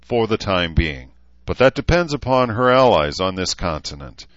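A man voicing a menacing male warlord who speaks calmly and persuasively, in a slightly muffled recording. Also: low voice, moderate pace, no room sound. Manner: calm, persuasive, commanding. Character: menacing male warlord, self-assured and cold. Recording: slightly muffled dry audio.

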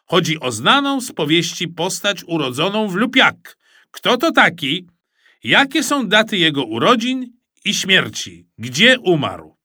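A man reading a children's story aloud, voicing an excitable middle-aged radio quiz host who announces in a booming, theatrical way. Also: a little slow, no room sound, studio quality, exaggerated voice. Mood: grand.

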